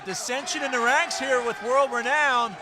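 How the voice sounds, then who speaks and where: Male wrestling commentator, very high-pitched, excitable play-by-play over crowd noise. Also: normal speed. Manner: excitable, exclamatory calls. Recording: loud event crowd and music behind. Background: crowd and music.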